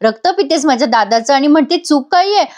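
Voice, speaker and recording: A woman's voice: high-pitched, animated, fast talker, a little mellow, voice pushed up. A woman voicing an angry young woman who taunts and scolds a rival to throw her out of the house. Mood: angry taunting.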